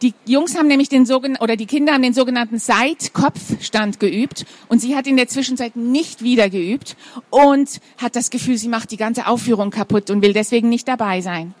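A woman's voice: a little high, a little fast. A woman reading a children's story aloud, adding informal asides to her young listeners.

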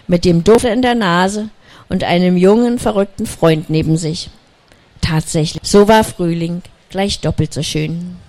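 A storyteller reading a children's story aloud in a calm, unhurried way, with small slips. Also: medium pitch.

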